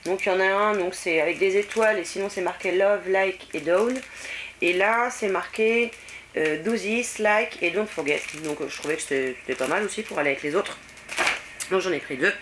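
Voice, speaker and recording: A middle-aged French woman vlogger chats casually through a shopping haul, full of hesitations and fillers. Her mid-range voice is a bit bright at normal speed, with a little hiss or hum in the recording.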